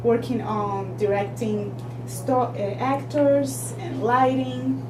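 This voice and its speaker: A woman's voice: on the high side, fairly even intonation. Young woman, distant echoey mic. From Brazil. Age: young adult. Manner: thoughtful, halting with restarts. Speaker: filmmaker guest. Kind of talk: interview answers. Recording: echoey room, distant mic, noise hum.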